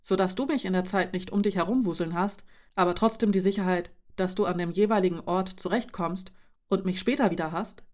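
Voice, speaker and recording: A woman reading aloud voices a careful young man who speaks calmly and cautiously to his partner. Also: on the low side, fairly quick, lightly acted. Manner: calm, cautious, soft-spoken.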